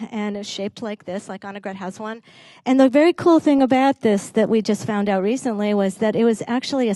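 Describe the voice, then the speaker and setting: A woman musician casually introducing instruments between songs, friendly and halting, with fillers and small laughs. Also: on the high side, warm tone, no room sound.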